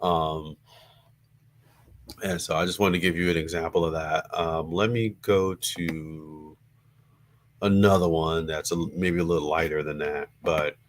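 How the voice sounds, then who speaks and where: Deep-voiced man reading news on stream. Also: little pitch movement. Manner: hesitant, with frequent fillers and pauses. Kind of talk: casual livestream reading. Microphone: computer's built-in mic.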